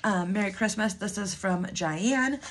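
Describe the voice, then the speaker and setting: In a mid-range voice at a measured pace, with a little hiss or hum in the background, a woman in her thirties chats to camera at home for her budgeting vlog. She's losing her voice and rambles with ums and restarts.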